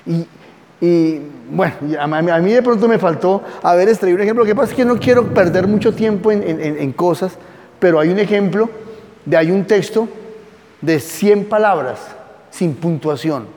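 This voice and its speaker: Man, Bible class lecture, high-pitched, questions the audience, reads aloud from notes. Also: normal speed, a little mellow, long reverb tail. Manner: conversational, asks the audience questions. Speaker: Bible teacher.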